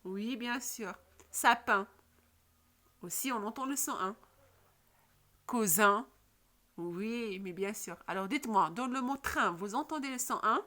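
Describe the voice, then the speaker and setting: A woman teaching a phonics lesson to children, patient and repetitive, often checking with a quick question. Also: fairly high pitch, expressive, pushed and bright. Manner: slow, patient, repeats questions and checks with "d'accord?".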